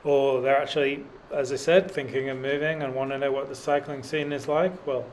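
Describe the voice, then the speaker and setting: Riding up a mountain road, a middle-aged cycling vlogger rambles in a dry, self-mocking style with many fillers. His medium-pitched voice is brisk, level and a little mellow, but the audio is poor, with a little hiss or hum.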